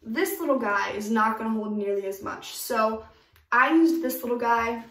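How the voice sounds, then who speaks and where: A woman's voice: a little high, normal speed, fairly bright tone, reverberant, far from the mic. A young woman giving casual, emphatic DIY tips in a home bathroom, recorded by a camera in front of her. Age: young adult. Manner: chatty, emphatic, upbeat. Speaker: DIY vlogger.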